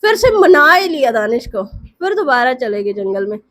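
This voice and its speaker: High-voiced woman telling a casual story. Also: very animated, normal speed, a bit bright. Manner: chatty, keeps checking in with listeners.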